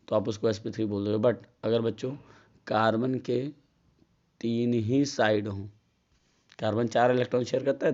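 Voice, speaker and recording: Man, Hindi accent, chemistry tutor, flat mellow voice, self-questioning, dull lo-fi phone recording. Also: mid-range voice. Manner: chatty, asks and answers his own questions. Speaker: chemistry teacher. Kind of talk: casual tutorial lecture.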